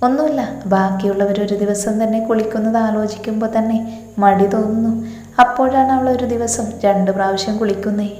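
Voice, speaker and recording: A woman's voice: medium pitch, fairly quick, mellow, faint music behind, lightly acted. A woman voicing a playful, chatty young woman who teases her friend. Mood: teasing. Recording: echoey room with long reverb.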